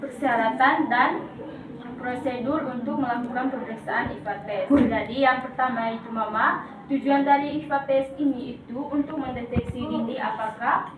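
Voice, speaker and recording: A woman's voice: fairly high pitch, moderate pace. A woman explaining a clinical procedure step by step as a midwife, in a polite, formal customer-service manner. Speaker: midwife demonstrating a patient examination. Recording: echoey room, distant mic, clear background noise.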